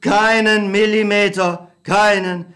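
An exhausted young soldier home from war talks in a tired, bitter, resigned way, played by a man in a radio play. His voice sits rather high for a man. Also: level tone, slow, pushed and bright, full character voice. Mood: weary. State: exhausted and hungry. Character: weary, bitter young male war returnee.

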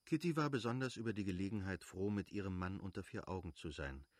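A man narrates a classic novel in a calm, measured reading. His voice sits low and sounds close and dry. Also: no room sound. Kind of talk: audiobook reading.

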